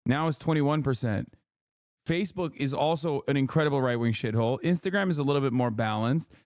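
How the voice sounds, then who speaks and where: A male streamer riffing on clips, swearing freely and sounding openly incredulous. His voice is mid-pitched and recorded dry and close, with almost no room sound. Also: fairly quick, a little mellow, no room sound. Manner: profane, incredulous rants. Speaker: livestream host. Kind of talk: casual streaming commentary.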